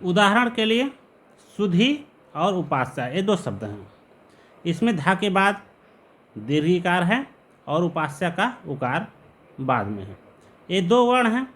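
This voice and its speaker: A man teaches Sanskrit grammar in a patient, explanatory way. His voice sits somewhat high and moves a lot in pitch. He drags out important terms slowly so the students can follow.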